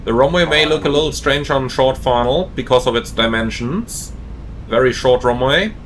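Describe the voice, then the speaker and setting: A man's voice: moderate pace, a bit bright. A man working as an airline pilot, giving casual commentary and radio calls from the cockpit. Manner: casual, conversational. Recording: faint cockpit rumble.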